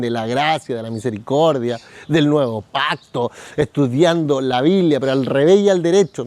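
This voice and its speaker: A pastor preaches a sermon at a church service, telling a personal story and acting out the voices of other people in it. His male voice is on the high side with a dark tone, and there is no room sound.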